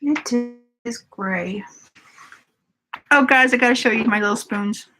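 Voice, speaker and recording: Woman, forties, fairly high voice, casual live-stream chat, giggly, greets viewers by name. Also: measured pace, music in the background, rough recording.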